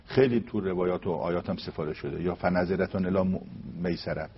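A man giving a religious talk, telling a story and reciting verses slowly and deliberately. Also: deep voice, fairly even intonation, slightly rough, dull audio. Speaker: religious speaker.

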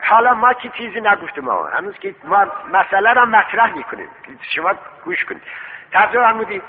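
A fairly high-pitched man delivers a seminary lecture on Islamic law. He asks rhetorical questions and answers them himself, drawing out key terms to stress them. The sound is thin and phone-like, with a long hall echo. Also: very animated. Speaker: seminary teacher. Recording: tinny lo-fi recording with long hall reverb.

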